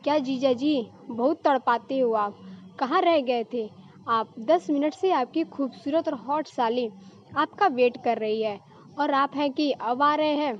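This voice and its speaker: Woman reading a teasing giggly young woman, high-pitched, storybook, muffled lo-fi recording. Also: unhurried, slight background noise.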